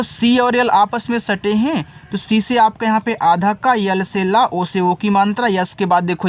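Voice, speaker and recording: A man who teaches English and spells words out letter by letter, then patiently explains how to read them. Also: high voice. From India. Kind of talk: spelling lesson.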